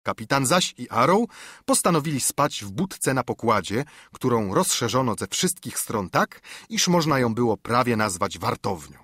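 Brief: male audiobook narrator, husky, animated delivery, dry close sound. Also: medium pitch, normal speed, no echo. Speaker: audiobook reader. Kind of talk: scripted narration.

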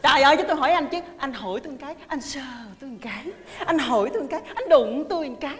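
A woman with a Southern Vietnamese accent trades quick, exclaiming lines in a stage comedy sketch, her voice high. She scolds with indignation, and her voice rings through a reverberant hall. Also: expressive. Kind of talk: comic stage sketch dialogue. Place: large hall on stage before a live audience. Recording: live hall recording.

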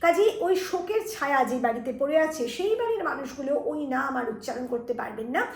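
Woman teacher, high voice, echoey room, revision lesson that speaks to students directly. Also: lively intonation, brisk. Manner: explanatory, addressing students directly.

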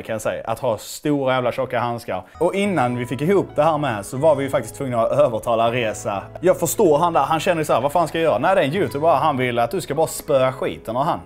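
Young guy reacting to his own fight vid, jokey, self-mocking, bit of music under it. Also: mid-range voice. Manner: animated, self-mocking, swears casually. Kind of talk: casual reaction commentary.

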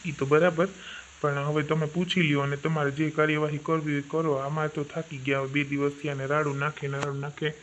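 A man's voice: a little high, little pitch movement, a little fast, a bit bright, a little hiss or hum, lightly acted, rough recording. A man playing an exasperated villager who complains to an official in a comedy skit.

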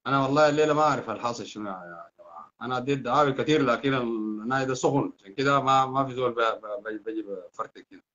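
In a mid-range, slightly bright voice, a man with a Sudanese Arabic accent rants on a heated political live stream. He talks fast and angrily, repeating insults, and the recording has a dull lo-fi quality.

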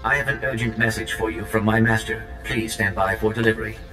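A man voicing a coldly polite male protocol droid through a robotic processed computer voice, flat and precise. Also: on the low side, brisk, echoey room, long reverb tail, over music. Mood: formal. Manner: flat, precise, clipped announcements.

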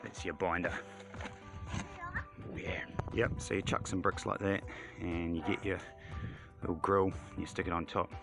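A man's voice: deep voice, measured pace, creaky, pauses often, music in the background. Laid-back man with a broad Kiwi accent. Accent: broad New Zealand. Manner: laid-back, dry deadpan humour, slangy. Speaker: home vlogger giving cooking and DIY tips. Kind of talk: casual vlog chat with step-by-step instructions. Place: house rooms, kitchen and garden. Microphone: handheld or propped phone.

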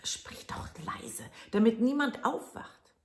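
A woman voicing wary fairy-tale thieves, gravelly and hushed. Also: medium pitch, animated, unhurried. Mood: hushed, urgent. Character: gruff grown-up male thieves, wary. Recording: echoey room.

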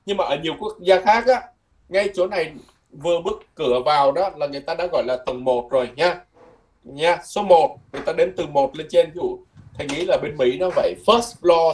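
A man's voice: on the high side, darkish tone, slight background noise. Patient male teacher. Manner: patient, repeats words slowly, ends phrases with "nha". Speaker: language teacher. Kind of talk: lesson explained from a textbook.

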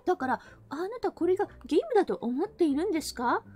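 A woman from the American South giving a casual live-streamed English lesson, playful and breaking into mock-angry rough slang. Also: very high voice, sing-song, fast, a little mellow, soft background music.

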